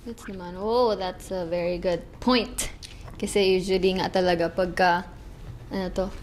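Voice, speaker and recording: A woman's voice: on the low side, fairly even intonation, unhurried, a little hiss or hum. A Filipino woman hosting a podcast in casual chat, listening closely with short backchannels. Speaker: podcast host.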